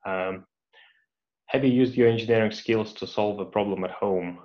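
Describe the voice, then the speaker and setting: Dull lo-fi audio captures a low, flat-voiced man answering questions read out in a career Q&A. He is a mechanical engineer with Russian as his first language, talking at normal speed but hesitantly, with frequent restarts and fillers.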